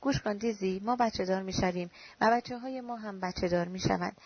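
A woman's voice: medium pitch, husky, dry recording. A woman reading as an anxious, pleading man. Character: anxious lonely man clinging to love. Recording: dull lo-fi recording.

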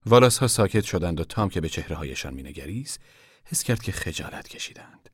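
A man reading a novel aloud as an audiobook narrator in a calm, steady way. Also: low voice, slightly rough, dry recording, studio quality.

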